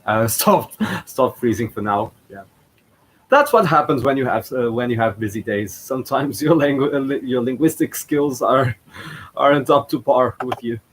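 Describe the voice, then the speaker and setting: A man's voice: medium pitch, moderate pace, slight background noise, low-quality recording. Hesitant man rambling in reaction commentary. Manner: hesitant, frequent fillers and restarts. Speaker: channel host reacting to a past contest.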